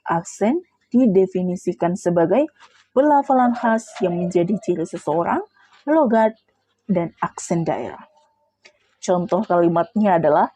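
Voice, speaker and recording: A woman's voice: medium pitch, dark tone, husky, no echo, poor audio. A woman reading out a prepared class presentation, explaining step by step with brief asides to her listeners. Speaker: student presenter.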